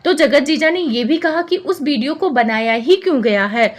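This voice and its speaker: In a casual gossip video, a woman with a high, lively voice goes over someone else's dispute and passes judgment. She talks at normal speed, opinionated and accusatory, circling back to the same points repeatedly.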